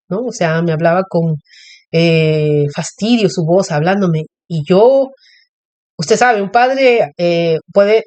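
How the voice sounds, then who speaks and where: A woman's voice: mid-range voice, darkish tone. Woman preaching an earnest sermon. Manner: earnest, repetitive, speaks directly to listeners as "usted". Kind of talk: sermon with personal testimony.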